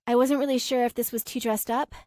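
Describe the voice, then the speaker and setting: A woman reading the part of a soft-spoken, self-deprecating young woman in an audiobook. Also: on the high side, fairly even intonation, a little fast, no room sound, clean studio sound, pitched above the performer's own voice, natural voice. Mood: wry. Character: shy, wry young woman love interest.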